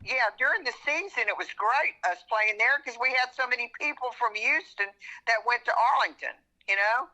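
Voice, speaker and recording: A woman's voice: a little high, brisk, pushed and bright, slight background noise, low-quality recording. A woman chatting casually about sports as an easygoing, agreeable fan. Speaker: regular guest.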